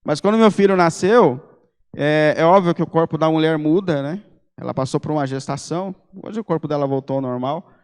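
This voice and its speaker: A man preaching a sermon as pastor, speaking Brazilian Portuguese, emphatic and conversational, mixing personal stories with forceful appeals. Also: a little high, a little fast, smooth, big-room sound. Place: church hall.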